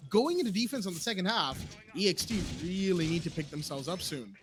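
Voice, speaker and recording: A man doing play-by-play esports commentary who gets excitable and loud when the action picks up. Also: brisk, noisy background. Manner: excitable, voice jumps high in big plays. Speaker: esports caster.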